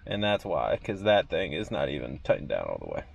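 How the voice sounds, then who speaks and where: A man's voice: very deep voice, wildly swooping pitch, fairly quick, gravelly. A man narrating a casual vlog in a garage, thinking aloud as he explains a car problem with frequent "um" fillers. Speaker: car shop owner and vlogger. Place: auto garage.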